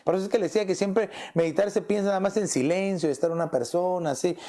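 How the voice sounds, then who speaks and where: A man's voice: high voice, fast talker, dark tone. A man, a pastor, preaching a conversational sermon and often tossing in rhetorical questions. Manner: asks rhetorical questions, often adds "¿verdad?".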